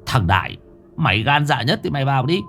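Guy doing a grumpy young village guy, snaps back quick. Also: medium pitch, sing-song, a bit bright, soft background music, voice pushed up. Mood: irritated. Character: surly young village lout.

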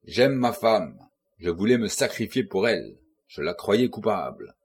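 A man's voice: fairly low pitch, very animated, unhurried, husky, full character voice. A man voicing a desperate husband pleading his devotion to his wife.

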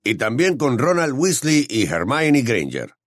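A man's voice: medium pitch, wildly swooping pitch, unhurried, no room sound, studio quality. A man reading an audiobook, voicing a gaunt, stern older minister who speaks in a clipped, formal way. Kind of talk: audiobook character voice.

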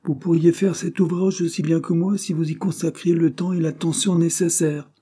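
A man's voice: on the high side, level tone, normal speed, mellow, husky, voice pushed up. A man voicing an earnest, dutiful young clerk who explains patiently and firmly.

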